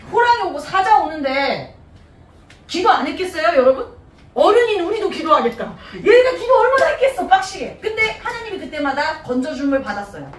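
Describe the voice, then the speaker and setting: A woman Sunday school teacher giving a playful, chatty Bible lesson to children in a church hall, laughing often. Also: very high-pitched. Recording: echoey hall, voice from a distance.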